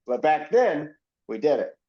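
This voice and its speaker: A man's voice: a little high, big pitch swings, unhurried. A man guesting on a podcast over a video call, telling a loose, rambling story with laughs and restarts. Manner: rambling, laughing, self-correcting. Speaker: podcast guest, band member. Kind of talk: casual storytelling. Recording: muffled video-call audio.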